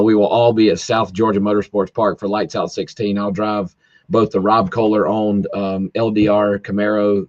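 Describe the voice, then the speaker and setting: A hoarse drag racer, appearing as a guest on a casual podcast, rambles about racing with lots of fillers and restarted sentences. His low, slightly mellow voice comes through a dull, lo-fi home internet video call with a dry sound and no room around it.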